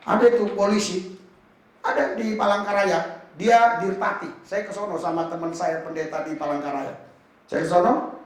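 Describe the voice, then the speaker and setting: Male pastor, high-pitched, animated storytelling sermon, heavy room echo, off-mic. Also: moderate pace. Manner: lively storytelling with bursts of shouting and laughter. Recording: roomy echo from far off the mic.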